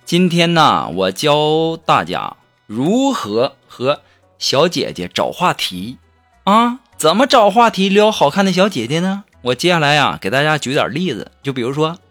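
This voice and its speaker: A playful man tells jokes in a teasing, chatty monologue. His voice sits a bit high and swings up and down a lot. Music plays clearly behind him. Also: big pitch swings, a little slow, fairly bright tone. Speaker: comedic storyteller. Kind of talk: humorous monologue. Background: background music.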